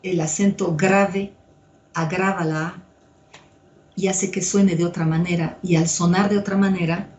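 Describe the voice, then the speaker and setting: A woman psychoanalyst giving a measured, step-by-step lecture with occasional fillers. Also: on the low side, steady tone, a little mellow, dull audio. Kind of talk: slow didactic lecture. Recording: echoey room.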